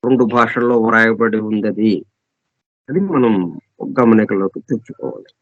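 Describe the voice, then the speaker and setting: A man acting as a spiritual teacher gives an explanatory scripture lesson, slowly and deliberately repeating and listing synonyms and reading English passages very slowly. His fairly low voice stays steady on a dull, dry lo-fi recording.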